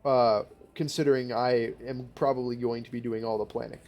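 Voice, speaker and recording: A young man playing a tabletop role-play over voice chat, relaxed and laughing, letting phrases trail off. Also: mid-range voice, fairly quick, dull audio. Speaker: player.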